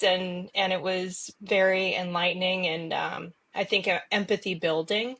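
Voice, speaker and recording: A woman surgeon from New York City answering interview questions in a reflective way with many ums. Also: mid-range voice. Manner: warm, reflective, lots of ums.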